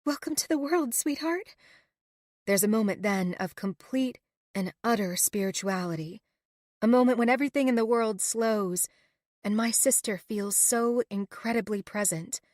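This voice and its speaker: A woman's voice: mid-range voice, moderate pace, darkish tone, no room sound, clean studio sound. A woman narrating a romance audiobook in the first person, reading with emotional expression.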